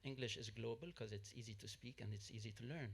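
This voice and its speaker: An audience member at a panel, a Lebanese man whose first language is Arabic, speaks up in a mid-range voice with vocal fry and a breathy edge. He talks quickly, explaining his point earnestly and steadily while correcting what was said before.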